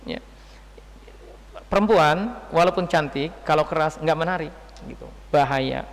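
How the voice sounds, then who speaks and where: A man delivers a religious lecture to a crowd of women in a loose, conversational way. He jokes and keeps asking his listeners questions. His voice sits high, and a long reverb trails behind it in the hall. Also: a little slow. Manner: chatty, joking, quizzing the audience. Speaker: Islamic preacher.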